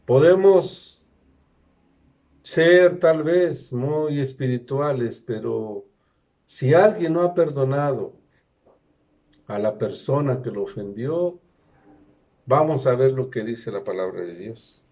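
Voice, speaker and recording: A man's voice: medium pitch, animated, slow pace, long pauses, warm tone. A man preaching a sermon in an earnest, emphatic way, repeating his key phrases. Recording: dull lo-fi recording.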